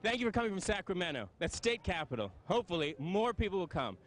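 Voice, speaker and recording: A man's voice: high voice, big pitch swings, fast talker, fairly bright tone. An American man working as a field reporter, doing live on-the-street parade interviews. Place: outdoors among a parade crowd. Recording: outdoor crowd ambience, faint noise.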